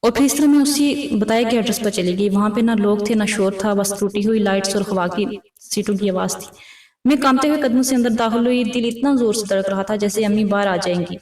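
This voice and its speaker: A woman's voice: mid-range voice, darkish tone. A woman narrating a dramatic first-person story with emotional delivery. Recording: roomy, distant mic.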